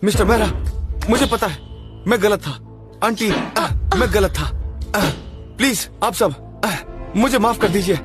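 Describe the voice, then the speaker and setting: A man's voice: high-pitched, a little fast, pauses often, music in the background, natural voice. An actor playing a cowardly, spoiled young rich man, stammering and pleading in a dubbed fantasy drama. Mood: frightened, grovelling.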